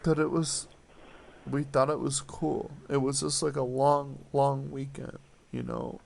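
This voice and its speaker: A man's voice: medium pitch, expressive, unhurried, creaky, a little mellow, a little hiss or hum. A man making a prank phone call, rambling and apologizing in a flustered, mumbling way. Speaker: prank caller.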